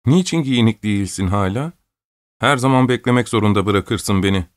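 A man's voice: on the low side, moderate pace, no room sound, studio quality, close to an everyday voice. A man voicing an imperious, fussy old countess who scolds and orders people about in an audiobook. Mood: scolding. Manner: scolding, peevish, bossy. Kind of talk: audiobook character voice.

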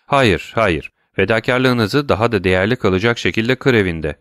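A gracious, worldly count, read by a man in an audiobook, speaking in long, elaborate, courtly sentences. The voice is lowish and recorded dry and close. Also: moderate pace, fairly bright tone, smooth, no room sound, lightly acted.

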